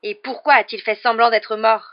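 A woman voicing a hot-headed teenage boy wizard who shouts in outrage, in a dull, muffled audiobook recording. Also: on the high side, steady tone, normal speed, pitched above the performer's own voice, natural voice. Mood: furious.

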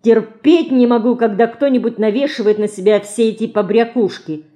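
A woman's voice: on the high side, moderate pace, voice pushed up, natural voice. A woman voicing a practical, decisive aunt who speaks firmly and sharply in an audiobook. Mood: scolding. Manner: firm, sharp-tongued.

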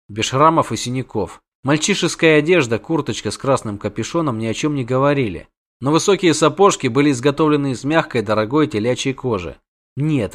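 A man narrating a fantasy novel in an even, measured storytelling voice. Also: mid-range voice. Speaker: audiobook narrator.

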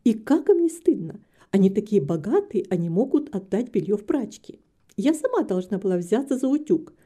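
A woman's voice: a little high, lively intonation, moderate pace, dark tone, lightly acted. A woman reading a storybook aloud, voicing a flustered, overworked middle-aged housekeeper who frets and complains. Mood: fretful. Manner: fretful, complaining, sighing.

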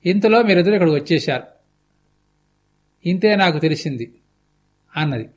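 High-voiced man giving a religious discourse. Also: lively intonation, normal speed. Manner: explanatory storytelling with conversational asides. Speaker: spiritual discourse speaker.

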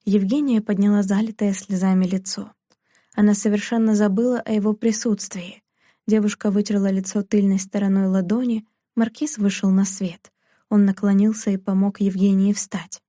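An audiobook narrator, a woman, reads a novel aloud as scripted narration, keeping an even, measured delivery. Her voice is medium-pitched, and the recording is dry and studio quality.

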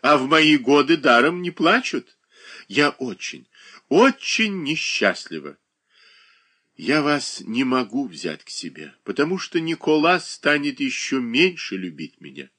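A man voicing a capricious, childish young married woman who whines and pouts in a high, drawn-out voice. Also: big pitch swings, pushed and bright, heavily acted. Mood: whiny coquettish.

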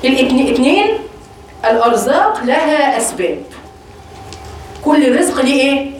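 A high-pitched woman with an Egyptian accent teaches a religious lesson to women. She talks fast and lively, posing questions to her listeners and answering them herself. Her voice sounds distant, caught in a very echoey room. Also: slight background noise. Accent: Egyptian Arabic. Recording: echoey room, voice far from the mic.

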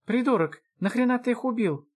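Man doing a frantic, yelling elf dad. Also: lively intonation, quick pace, lightly acted. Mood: furious. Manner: shouting, frantic, high-pitched. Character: furious male elf father, shouting and panicking.

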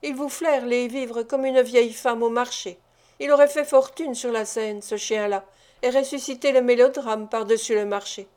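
A woman's voice: a little high, moderate pace, close to an everyday voice. Bates, a woman reading a cheeky young thief. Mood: boastful. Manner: boastful, lively praise. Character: cheeky young male pickpocket, boastful.

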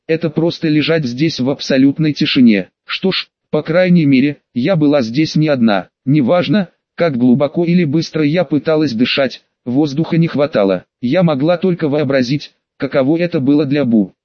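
A man reads an audiobook with steady, even narration. His voice sits somewhat high for a man. The recording is dull and dry, with no room around it. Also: dry recording. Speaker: audiobook reader.

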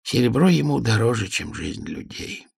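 Brief: a man doing a worn-out old laborer, hushed and sorrowful, gravelly, dry close sound. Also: medium pitch, sing-song, moderate pace, no room sound, pitched above the performer's own voice, heavily acted. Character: hunched old male mirror worker, weary.

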